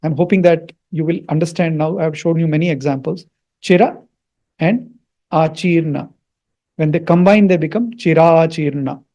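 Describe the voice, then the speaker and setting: A man's voice: a little high, moderate pace, warm tone. A man teaching Sanskrit mantras, with an Indian accent, patiently repeating words and checking that listeners follow.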